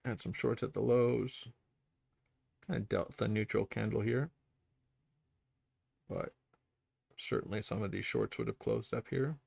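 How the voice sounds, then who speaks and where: A man with a low, gravelly voice hosts a trading livestream, thinking aloud over his charts. He rambles, circles back and fills pauses with ums. The sound is close and dry, with no room around it. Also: animated, a little mellow, no echo. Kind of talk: casual livestream chart commentary.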